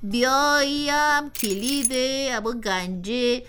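Woman doing motherly kitchen pot figure, puppet show, Afghan Dari accent, encouraging, high-pitched. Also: bright, forceful tone, soft background music. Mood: cheerful friendly. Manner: soothing, encouraging. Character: kind, motherly kitchen pot, a comforting friend. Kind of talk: children's puppet show acting.

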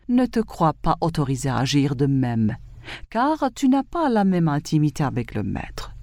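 A woman reading old fables aloud in slow, expressive narration. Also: lowish voice, dry recording, clean studio sound.

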